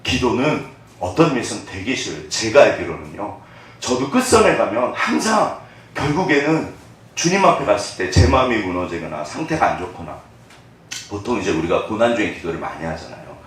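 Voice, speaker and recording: A man preaching a conversational sermon as pastor, swinging between hushed asides and animated bursts. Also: on the low side, fairly quick. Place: church sanctuary. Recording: echoey church hall from far off.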